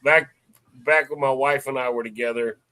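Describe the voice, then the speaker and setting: A man's voice: mid-range voice, fairly even intonation, normal speed, pushed and bright, clean tone, no echo. A man chatting on a live show who stammers and repeats words as he tells a story. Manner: stammering, repeats words before getting going. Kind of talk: casual chat on a live show.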